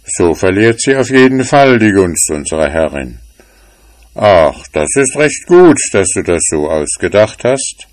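A big storybook house dog grumbles along in a raised voice, as a man puts him on. His words come slowly. The sound is close and dry. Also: sits low, very animated, a little mellow, dry recording. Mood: grumbling. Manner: grumbling, then agreeable.

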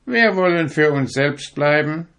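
A man's voice: on the high side, animated, measured pace, a bit bright, clean tone, voice pushed up. A man voicing a haughty, self-important male turkey cock in a storybook reading, speaking in a raised, mocking voice.

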